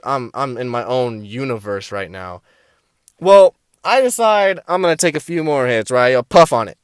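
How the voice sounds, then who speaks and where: A young man vlogging a story to camera in a casual, profane way, checking in with the viewer and jumping between hushed asides and loud bursts. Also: medium pitch, expressive, normal speed, clear, resonant tone, no room sound, studio quality. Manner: repeats "okay?" and "all right?" to the viewer. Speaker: vlogger telling a drug trip story.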